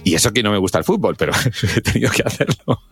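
Male radio broadcaster, casual mentor chat, very animated delivery, faint music bed. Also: lowish voice, fast, breathy edge. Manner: lively, animated speaker, acts out examples, bursts into shouted goal calls. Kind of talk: casual advice talk on a podcast.

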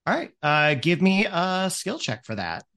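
A man's voice: high-pitched, big pitch swings, unhurried, gravelly, pushed and bright. A man running a tabletop game as game master, narrating in a rambling way, full of "like" and "um". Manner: rambling, many "like" and "um" fillers.

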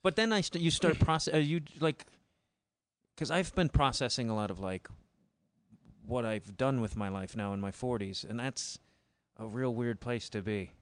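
A man's voice: mid-range voice, expressive, moderate pace, no echo. A man in his forties hosting a casual chat, talking loosely and frankly and swearing freely. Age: 40s. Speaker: podcast host.

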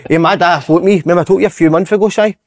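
A man's voice: sits high, rapid-fire. A man with a broad Glasgow street accent in casual podcast banter, blunt, sweary and slangy, often repeating himself. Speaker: podcast host.

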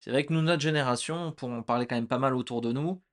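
A man's voice: medium pitch, quick pace. Hesitant young man co-hosting a podcast. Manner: relaxed, hesitant, many fillers. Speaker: podcast co-host. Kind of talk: casual chat.

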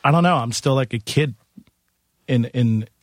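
Speaking at a moderate pace in a mid-range voice, a Queens-born bar and music venue owner spins casual stories during an interview. The recording is dry, and his informal, chatty telling often shifts into quoting other people.

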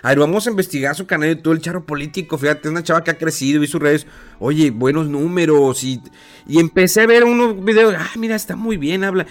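Speaking fast in a fairly high-pitched voice, a Mexican-accented man shares his views in a casual chat. He's animated and slangy, and he imitates others in mocking put-on voices.

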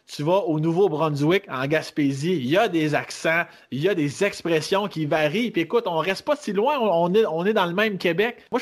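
A man with a Québécois accent, a guest comedian chatting bluntly on a podcast, swearing freely. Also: a little high. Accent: Québécois French. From Quebec. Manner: blunt, swears freely, talks in quick restarts. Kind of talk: casual podcast chat.

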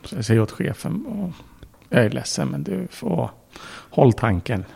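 A man's voice: mid-range voice, very animated, darkish tone. A man, a podcast guest, telling a story in casual speech, bluntly, with swearing and acted-out quotes. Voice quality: gravelly, husky.

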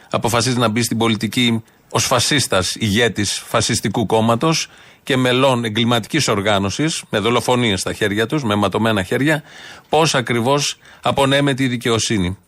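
A man's voice: mid-range voice, fairly bright tone, no room sound. A man hosting a satirical radio show, talking in a sarcastic, emphatic way. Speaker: radio host.

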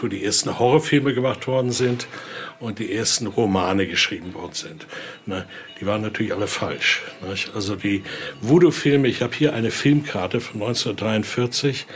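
A man with a lowish but fairly bright voice acts as an informal museum guide and expert, often ending phrases with short check-in tags. He was recorded in an exhibition room with clearly noisy indoor ambience.

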